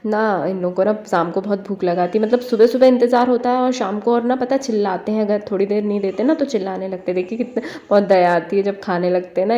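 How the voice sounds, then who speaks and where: A young woman vlogger with a slight cold chats in a homely, rambling way. Her voice sits at an ordinary middle pitch. She strings her thoughts together with soft fillers as she goes. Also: lo-fi sound. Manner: chatty and homely, full of fillers like "na" and "matlab". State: has a cold. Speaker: home vlogger. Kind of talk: casual vlog chat.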